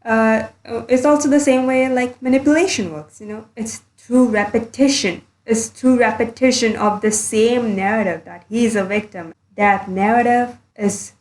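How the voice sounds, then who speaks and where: A woman's voice: fairly high pitch, fairly even intonation, normal speed, hardly any pauses, a little mellow. Woman recording under a blanket, echoey. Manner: blunt, earnest, a bit sweary. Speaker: commentary YouTuber. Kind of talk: casual commentary monologue.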